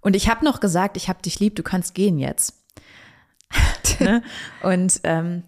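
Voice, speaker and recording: Low-voiced woman telling a personal story. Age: 30s. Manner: halting, reflective, often restarting sentences. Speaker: podcast guest.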